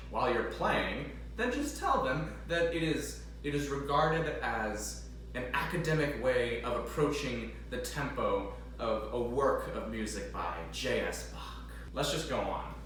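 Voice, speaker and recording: A man's voice: mid-range voice, a bit bright, distant mic. A young man who plays the organ, chatting casually while he practices, swearing now and then and humming along to the music. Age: young adult. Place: large echoey room with an organ. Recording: very echoey, from off-mic, organ behind.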